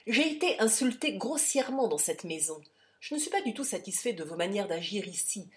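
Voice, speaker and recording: A woman's voice: mid-range voice, animated, normal speed, a little mellow, natural voice. Brief: pompous blustering officer, voiced by a woman, indignant, easily cowed. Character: pompous English captain, blustering then cowed.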